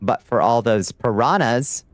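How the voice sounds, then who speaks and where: Playing a game live, a middle-aged streamer from Georgia in the United States chats casually with his audience, his light Southern twang coming through in a wry, relaxed drawl. He speaks at a measured pace with medium pitch, and there's no echo.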